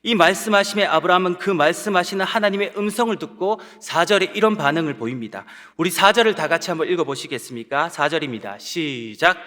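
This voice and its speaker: Lively pastor in a reverberant church. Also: male voice, high voice, fast, hardly any pauses. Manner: earnest, asks the congregation rhetorical questions. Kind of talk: Sunday sermon. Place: church sanctuary. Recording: long church-hall reverb.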